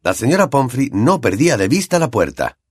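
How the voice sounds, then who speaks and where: A man narrating an audiobook in an expressive storytelling manner. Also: medium pitch, fairly quick, slightly rough, no echo, clean studio sound. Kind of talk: scripted narration.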